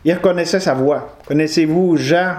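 High-voiced preacher in a roomy hall. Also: male voice, moderate pace, darkish tone. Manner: conversational, digresses with humor and self-correction. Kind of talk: informal sermon to a live congregation. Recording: roomy echo.

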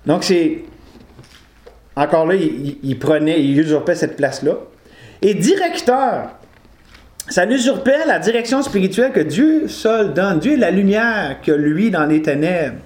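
A man's voice: high voice, expressive, unhurried, a little mellow. A man preaching an informal sermon to a congregation, talking in a chatty way, digressing with humor and correcting himself. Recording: roomy echo.

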